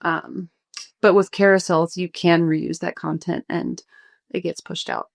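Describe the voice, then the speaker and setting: Slightly breathless woman, relaxed and thoughtful. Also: lowish voice, unhurried, vocal fry. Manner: relaxed, thoughtful, many fillers. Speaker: guest, food blogger. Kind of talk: casual interview.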